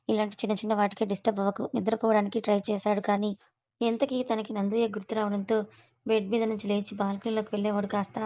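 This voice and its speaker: A woman reading a serial story aloud as the channel's storyteller, keeping a steady, even delivery. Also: medium pitch, dry recording. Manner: quick, even reading with little rise and fall.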